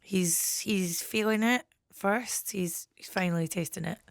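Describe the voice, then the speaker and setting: A woman's voice: mid-range voice, a little slow, creaky. A woman hosting a casual food chat, teasing and giggling as she reads out dish names. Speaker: host.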